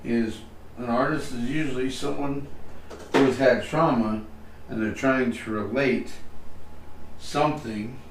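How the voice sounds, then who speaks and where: A man with a gravelly voice speaks slowly and haltingly, arguing his point on a livestream. His mic sits far off in an echoey room, with faint noise behind him. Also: medium pitch, fairly even intonation. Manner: halting, argumentative, pushes back. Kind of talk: casual livestream chat.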